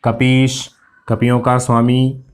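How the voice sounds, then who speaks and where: A man's voice: mid-range voice, monotone, takes it slowly, smooth. Man teaching a step-by-step grammar lesson. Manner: explains step by step, asks and answers his own questions; addresses students directly. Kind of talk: exam-prep grammar lesson.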